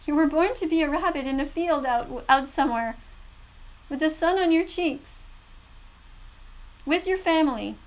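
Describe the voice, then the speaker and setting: A woman with a high voice gives spoken reaction commentary. She is earnest and emphatic, speaking as a moralizing animal advocate. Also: normal speed, pauses often, low-quality recording. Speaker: video creator, animal rights advocate.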